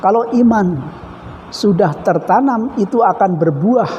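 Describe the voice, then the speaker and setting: A male preacher giving a measured religious lecture, reciting Arabic phrases between his explanations. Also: high-pitched, expressive, dark tone, slight background noise. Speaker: Islamic preacher. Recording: dull reverberant hall recording.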